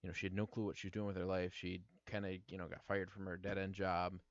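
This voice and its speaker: A very deep-voiced man co-hosting a casual podcast, rambling through a movie retelling with fillers and restarts. The recording is dull and lo-fi, with a dry, close sound on a near mic. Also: level tone, fast, dry recording. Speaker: podcast co-host.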